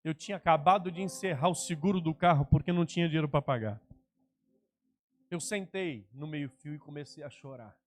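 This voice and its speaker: A man, a pastor preaching a personal testimony sermon, acting out dialogue and swinging between loud outbursts and hushed lines. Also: fairly high pitch, a little fast. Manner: dramatic, acts out dialogue, swings from shouting to hushed.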